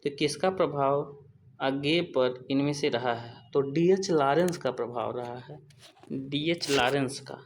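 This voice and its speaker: A man's voice: on the high side, slight background noise. A man teaching an exam-prep lesson, quizzing himself aloud and repeating each answer twice. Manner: repeats each answer, asks and answers his own questions. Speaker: Hindi exam tutor.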